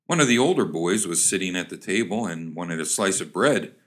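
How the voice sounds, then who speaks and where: Middle-pitched man, animated and rambling, casual comic joke reader. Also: a little fast. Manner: rambling, chuckling, hammy voices for quoted characters. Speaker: comedic reader of old joke cartoons. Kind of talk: ad-libbed comic commentary and joke reading.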